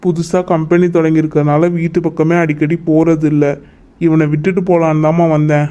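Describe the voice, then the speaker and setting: A man's voice: fairly high pitch, level tone, brisk, warm tone, clean tone, dull audio, natural voice. A man voicing a polite young visitor in a cartoon who speaks respectfully to his friend's mother. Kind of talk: cartoon voice acting.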